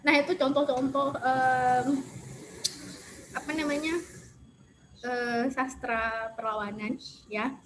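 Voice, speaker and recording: A woman's voice: high-pitched, fairly even intonation, takes it slowly, pauses often, a little hiss or hum, rough recording. A woman teacher talking casually and chattily to her class, informal and loose. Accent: Indonesian. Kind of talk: casual online class talk.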